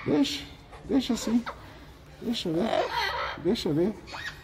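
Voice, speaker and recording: A man, chatting excitedly on a vlog, cooing to his birds. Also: sits high, normal speed. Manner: excited, chatty, coos at the bird. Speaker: parrot breeder. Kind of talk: casual vlog narration. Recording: loud background noise.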